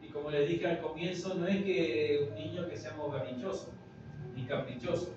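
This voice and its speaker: Older male pastor, conversational sermon, slightly high voice, distant mic in a boomy room. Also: steady tone, normal speed, music in the background. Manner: conversational preaching, frequent tag questions to the congregation. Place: congregation's meeting room. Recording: very echoey room, distant mic, dull, noisy.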